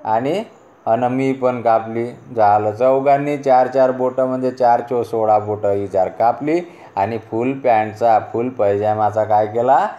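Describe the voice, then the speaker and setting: A man's voice: mid-range voice, fairly even intonation, unhurried, dark tone, dull audio. A male schoolteacher with a Marathi accent, explaining a story lesson to a class in a patient way, often asking the class rhetorical questions. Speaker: teacher.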